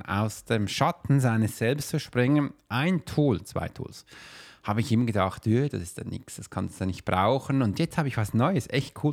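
A man hosting a solo podcast, talking casually and encouragingly straight to the listener as a coach. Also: mid-range voice. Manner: informal, chatty and encouraging, addressing one listener familiarly.

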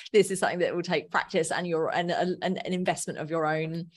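A woman with a distinctly low-pitched voice speaks in a conversational podcast style. She is informal and thinks aloud. Her sentences often get rephrased as she works through an explanation. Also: moderate pace.

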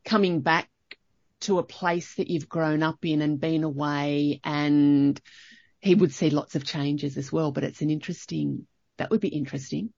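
A woman's voice: low-pitched, steady tone, normal speed, creaky, darkish tone, dry recording, muffled recording. A woman with an Australian accent hosting a casual podcast chat, effusive and enthusiastic. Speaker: podcast host.

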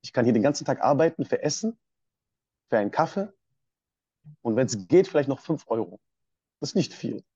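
A man's voice: mid-range voice, lively intonation, normal speed, long pauses, dark tone, husky, no echo, lo-fi sound. A man from Swabia in Germany, a podcast guest telling his personal story in a passionate, emphatic way.

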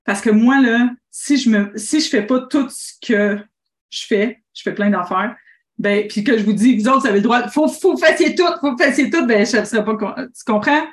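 A Québécoise woman coaches entrepreneurs in a bright, fairly high voice, talking animatedly and restarting her sentences. Her voice rings a little in a roomy space. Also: normal speed. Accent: Québécois French. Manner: animated, rambling, with many restarts. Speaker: business coach and host. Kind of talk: casual call-in coaching talk.

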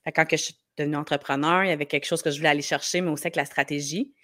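A woman with a Quebec French accent explains things informally in an interview, her voice hoarse and gravelly from a slight head cold. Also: deep voice, fairly even intonation, racing, a bit bright, no room sound, studio quality. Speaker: podcast guest, marketing strategist.

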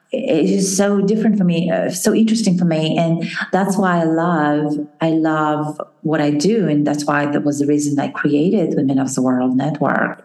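A woman in her forties with a Kazakh accent hosts a solo podcast. Her voice is low and warm, and she speaks earnestly, often restarting a thought. She is recorded in a roomy, echoey space with faint music underneath. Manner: earnest, reflective, with frequent restarts and fillers. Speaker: podcast host.

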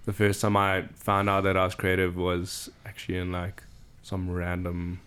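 A man's voice: low voice, monotone, moderate pace, a bit bright, clear, resonant tone. A man from South Africa, a podcast guest chatting casually and laughing easily about his background. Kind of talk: casual chat. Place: cabin.

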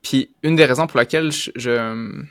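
A man with a Québécois accent speaking earnestly and haltingly about personal matters in a casual podcast chat. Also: mid-range voice, dry recording, clean studio sound. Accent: Québécois French. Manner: earnest, halting, self-correcting. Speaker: podcast participant.

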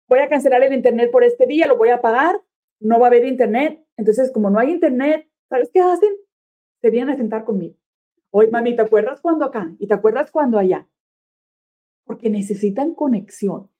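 Woman on a live stream, kinda high voice but mellow, affectionate and preachy about parenting, drops english words in. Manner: warm, affectionate, preachy encouragement. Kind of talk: earnest live-stream talk.

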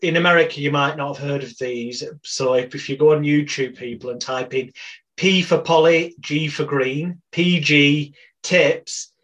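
British man telling stories, slightly higher voice. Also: unhurried, fairly bright tone, lo-fi sound. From Britain. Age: 40s. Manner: rambling anecdotal telling with wry humor. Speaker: podcast guest. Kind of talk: casual storytelling interview.

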